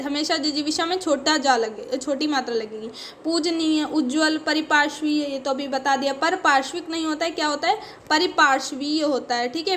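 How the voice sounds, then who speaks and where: A woman's voice: high-pitched, a bit bright, slight background noise. A woman teaching a spelling lesson for exam preparation, explaining patiently and checking in often with her students. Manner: explains patiently, says "ठीक है" constantly.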